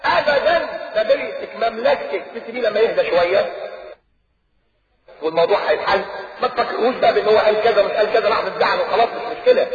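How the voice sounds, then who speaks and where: Animated Egyptian preacher in echoey hall. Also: male voice, high voice, fast. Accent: Egyptian Arabic. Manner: animated, mimics voices, jokes with audience. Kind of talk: lively colloquial sermon. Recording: distant echoey hall, muffled old tape.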